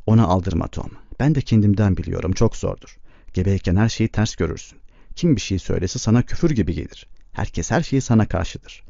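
Guy reading a tired tough mom, low gravelly voice, kinda muffled dry recording. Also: lively intonation, brisk, dark tone, dry recording. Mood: soothing. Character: worn, firm mother of a poor family.

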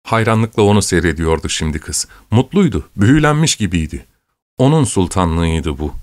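A man narrating a classic novel in a measured, literary, unhurried manner. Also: sits low, sing-song. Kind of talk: scripted audiobook narration.

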